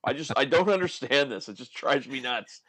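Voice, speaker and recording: A man from Scotia, co-hosting a casual podcast with animated, opinionated rants full of restarts. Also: mid-range voice, fairly quick, over a noisy crowd. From Nova Scotia, Canada. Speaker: podcast co-host.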